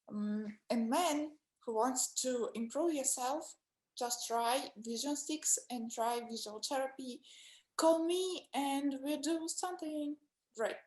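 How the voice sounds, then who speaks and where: A woman from Russia speaking English with a Russian accent as a podcast guest, halting and searching for words. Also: high-pitched, darkish tone, roomy sound. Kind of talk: casual podcast chat.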